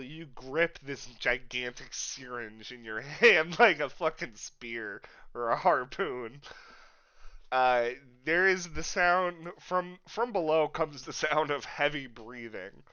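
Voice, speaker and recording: A man's voice: medium pitch, bright, forceful tone, clear, resonant tone, lo-fi sound. A man narrating a tabletop game as game master, with many ums and uhs.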